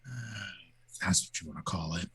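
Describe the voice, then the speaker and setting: A man playing a measured, wary vampire in a tabletop game, with a very husky, breathy, understated voice. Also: low-pitched, sharp tone, full character voice. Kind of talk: tabletop role-play acting.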